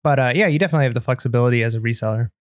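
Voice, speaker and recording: A man's voice: mid-range voice, very fast, no room sound, clean studio sound. A man co-hosting a podcast in casual, conversational chat. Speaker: podcast co-host.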